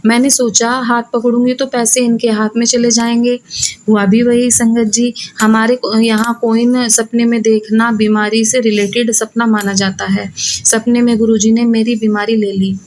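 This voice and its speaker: A woman's voice: a little high, flat delivery, normal speed, a little mellow, slight background noise, low-quality recording. A woman host narrating a devotee's testimony as scripted devotional storytelling, telling it in the first person and often addressing listeners as "sangat ji".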